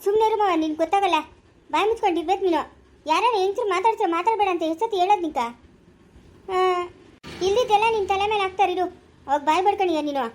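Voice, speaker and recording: A woman plays a stern village wife in a homemade family skit, speaking rural Chikkaballapura Kannada. She scolds and moralizes in a very high voice and fires off questions quickly. Her delivery stays sharp throughout. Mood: lecturing.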